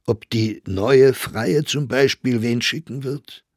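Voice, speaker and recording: A man's voice: medium pitch, slow pace, no room sound, clean studio sound, pitched above the performer's own voice. A man doing an eager curious gossip. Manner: eager, inquisitive.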